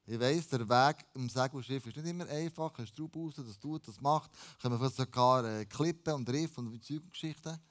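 A pastor preaching a lively, casual sermon and dropping in English phrases. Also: male voice, medium pitch, a little fast, hardly any pauses.

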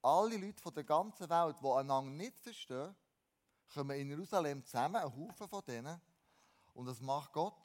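Animated preacher. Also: male voice, a little fast. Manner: animated, shifts between loud emphatic lines and low quiet ones; repeats words and restarts phrases. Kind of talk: sermon.

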